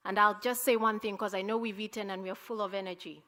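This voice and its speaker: A woman giving an energetic acceptance speech, repeating phrases and rallying the audience. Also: medium pitch, quick pace. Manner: energetic, repetitive, rallying the crowd.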